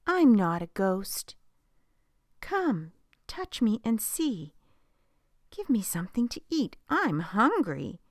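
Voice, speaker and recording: Woman reading as a calm, gentle Jesus. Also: medium pitch, slow, pauses often, no room sound, clean studio sound. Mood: reassuring. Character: Jesus, a grown man, calm and reassuring. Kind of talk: children's storybook reading.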